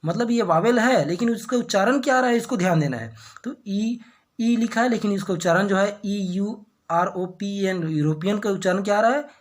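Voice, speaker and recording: Woman teaching English grammar in Hindi. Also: mid-range voice. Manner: asks the class questions and answers them herself, reads example sentences slowly.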